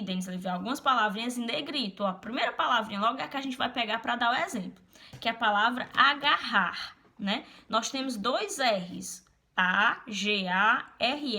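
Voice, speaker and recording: Bright-voiced woman teacher, slow and spelling. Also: fairly high pitch. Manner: slow, spelling words letter by letter; affectionate, calls the pupil by name and uses diminutives. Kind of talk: recorded lesson for a child.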